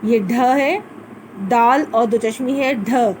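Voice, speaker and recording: A woman's voice: fairly high pitch, fairly even intonation, a little hiss or hum, poor audio. A woman, teaching a children's class by patiently spelling out letters step by step. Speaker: primary school Urdu teacher. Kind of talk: recorded class lesson.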